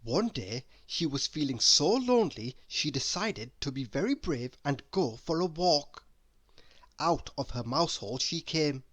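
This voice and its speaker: A storybook reader with a mid-range voice reads a children's story aloud, taking a deliberate and expressive approach to the telling.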